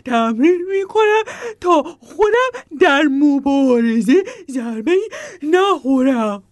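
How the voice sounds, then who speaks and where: A woman's voice: high voice, expressive, dry recording. A woman voicing an earnest young bear. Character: big playful bear, earnest.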